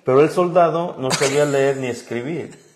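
A man who is a pastor co-hosting a faith-based talk show, reading verses slowly and telling folksy family anecdotes, often stopping to correct himself. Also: medium pitch, slight background noise. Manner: rambling storyteller, self-correcting. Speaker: pastor, radio co-host.

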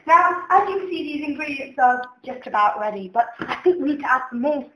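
Brisk and expressive, a young woman with a high, slightly bright voice hosts a make-believe cooking show, demonstrating a dish in her home kitchen. The room echoes, and faint background noise can be heard.

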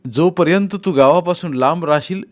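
A man's voice: on the high side, normal speed, voice pushed up, natural voice. A man voicing a shrewd, persuasive male village politician who keeps pressing and teasing his friend in a read-aloud novel. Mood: coaxing, persuasive.

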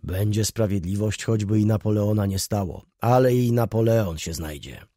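A man reading a calm, steadfast old father in an audiobook, speaking quietly. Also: fairly low pitch, normal speed, no room sound, clean studio sound, natural voice. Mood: confident.

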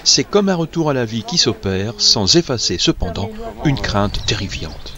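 Low-voiced male news narrator. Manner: measured, even reading. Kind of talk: scripted voice-over narration.

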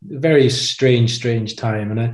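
Slowly and chattily, a mid-pitched former commando in his 50s spins lively anecdotes as a podcast guest, leaning on "you know" often. The sound is webcam audio from a video call, with roomy echo off an indoor room's brick wall.

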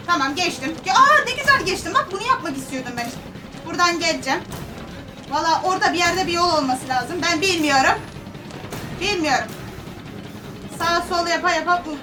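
Her pitch is extremely high, her speed normal, and she leaves long pauses as she streams a horror game. Talking to herself, she gasps and pleads nervously, her voice distant under loud music from the game.

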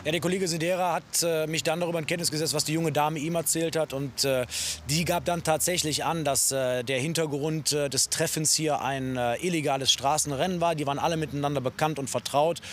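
An actor playing a composed, matter-of-fact police officer, explaining in wordy official language to camera in a TV police series. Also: male voice, on the high side, fairly even intonation, a little fast, a bit bright, a little hiss or hum, natural voice. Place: outdoors beside a police car. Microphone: clip-on lapel mic.

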